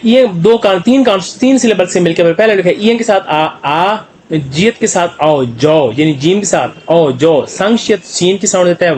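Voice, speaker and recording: Brief: middle-aged Pakistani-accented male teacher, somewhat high voice, patient syllable drills, faint hiss. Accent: Pakistani Urdu. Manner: patient, spells out syllables slowly. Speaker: Korean language teacher. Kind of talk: textbook lesson explanation.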